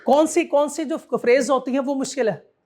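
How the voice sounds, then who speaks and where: A man's voice: very high voice, moderate pace, darkish tone. A man giving a classroom law lecture, quizzing students and repeating his key points.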